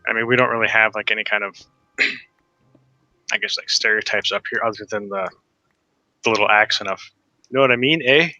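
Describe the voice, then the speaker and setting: A man from Upper Michigan talks in an easygoing way, leaning on "like" as he goes. His voice is very bright and forward, and the recording is dry and close. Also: fairly low pitch, flat delivery, fairly quick, pauses often, no echo, highs cut off. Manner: easygoing, heavy use of "like". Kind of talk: casual chat while gaming.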